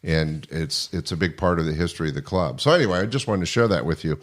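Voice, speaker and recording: An older man, a podcast host and former comedy club owner, leads a conversational interview and reminisces in a rambling way. He has a low-pitched voice and talks fast.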